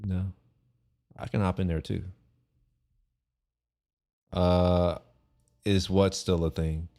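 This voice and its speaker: Slow and flat, with vocal fry and a mellow low tone, a young man from Texas rambles through a casual livestream chat. He often starts sentences over and swears casually as soft background music plays.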